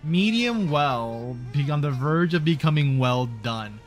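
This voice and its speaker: A young man streaming a game, speaking slowly and casually as he works through puzzles. He mutters and talks himself along in a relaxed way. Soft game music plays behind him. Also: on the high side. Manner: laid-back, muttering, thinking aloud. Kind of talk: casual gameplay commentary.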